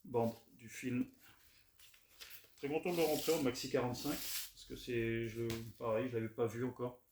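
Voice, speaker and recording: A man chatting casually as he shows off his record finds, relaxed and hesitant with many fillers. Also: mid-range voice, moderate pace. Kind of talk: casual unboxing chat. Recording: roomy echo, faint noise.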